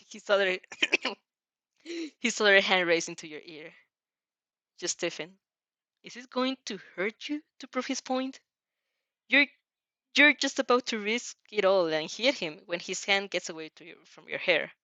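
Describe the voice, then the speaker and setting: This narrator, a woman, gives a theatrical reading of a second-person fan fiction story and adds her own reactions. She speaks unhurriedly in a mid-range voice with lively intonation, long pauses and a sharp tone, captured in a dry recording.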